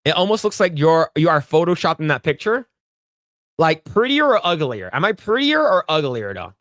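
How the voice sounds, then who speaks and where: A man hosts a casual solo livestream and talks straight to his chat. He swears freely and gets worked up about movies, and his pitch leaps up and down as he goes. The sound is dry and close, with no room heard around him. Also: normal speed, no room sound. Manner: animated, profane, riffing on movies and answering chat. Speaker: livestream host.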